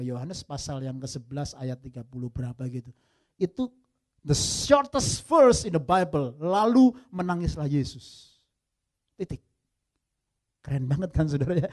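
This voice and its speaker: A male pastor preaching a sermon, swinging from loud emphatic peaks to soft low asides and mixing in English phrases. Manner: lively preaching, mixing English phrases, addresses listeners as brothers and sisters.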